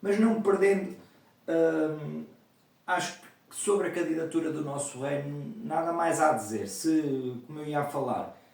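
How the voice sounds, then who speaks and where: A man's voice: a little high, normal speed, gravelly, a little mellow, heavy reverb, recorded from a distance, poor audio. A man with a European Portuguese accent, talking earnestly and rambling in a casual video message as a football supporter. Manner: earnest, rambling, repeats himself.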